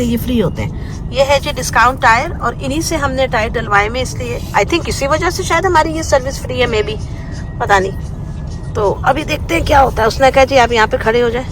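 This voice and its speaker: A woman in her thirties from Pakistan with a Pakistani accent, chatting casually to viewers in a daily vlog. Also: fairly high pitch. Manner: chatty, talks to viewers while driving and errands. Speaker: vlogger. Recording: camera audio with steady background noise.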